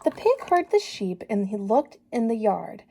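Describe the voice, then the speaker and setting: A woman reads a children's story aloud the way a teacher would, lively and encouraging, stopping now and then to ask the young listeners questions. Her voice sits in the mid range.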